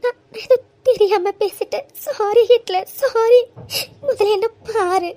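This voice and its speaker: A soft, pleading young wife in a cartoon love story, guilty about her husband's burden. A performer gives her a very high-pitched, mellow voice. The read is dry and close to the mic. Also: normal speed, no room sound. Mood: tearful pleading. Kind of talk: cartoon voice acting.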